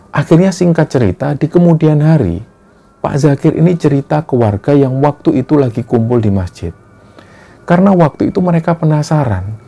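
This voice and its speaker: A man narrating a horror story in a steady, earnest storytelling manner. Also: medium pitch, vocal fry. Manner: steady, earnest retelling with frequent "nah".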